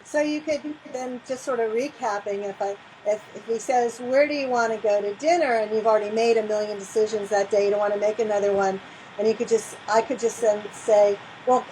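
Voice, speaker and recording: A woman's voice: medium pitch, steady tone, brisk, crowd noise, poor audio. A woman hosting an interview who eagerly recaps what she hears and asks follow-up questions. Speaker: host. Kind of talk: interview conversation.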